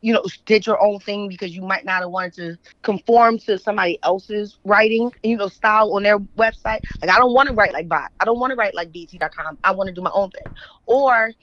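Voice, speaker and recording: A little fast and medium-pitched, an American woman talks as an interview guest in a casual, conversational way. She is an author and journalist, opinionated, often adding "right?" or "you know what I'm saying" to check in, and the recording sounds muffled.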